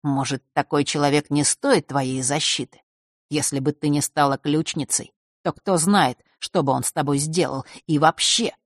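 A man voicing a sharp-tongued, touchy teenage boy in an audiobook, with a sarcastic, scornful way of speaking. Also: on the high side, steady tone, normal speed, dry recording, studio quality. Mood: cold.

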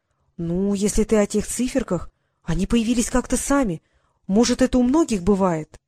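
A woman's voice: medium pitch, normal speed, dark tone, no echo, studio quality, lightly acted. A woman reading the part of a stubborn, curious girl who keeps challenging with questions. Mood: defiant.

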